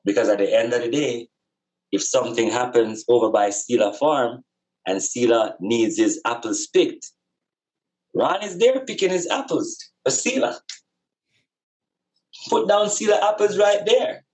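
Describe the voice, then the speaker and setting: On a poor recording, a podcast guest who speaks on spirituality and community muses casually about life. His voice sits at a medium pitch, a little mellow, and he takes his time, leaving long pauses while earnestly repeating phrases for emphasis.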